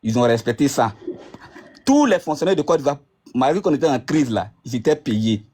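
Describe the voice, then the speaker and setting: A man's voice: mid-range voice, sing-song, normal speed, dark tone. A man in a heated political argument, insistent and repeating himself as he talks over his opponent. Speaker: debate participant.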